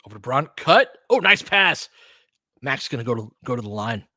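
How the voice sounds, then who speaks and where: A fairly quick, sharp-toned man with a mid-range voice and big pitch swings hosts a live basketball show. He gives loose play-by-play while chatting informally with listeners, opinionated and full of slang; the studio sound is clean, with no echo.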